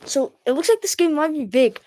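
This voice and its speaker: Higher-pitched woman streamer talking through a mask. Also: lively intonation, a little fast, mellow. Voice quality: slightly muffled, speaking through a face mask. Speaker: livestream host. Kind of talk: casual live reaction stream chat.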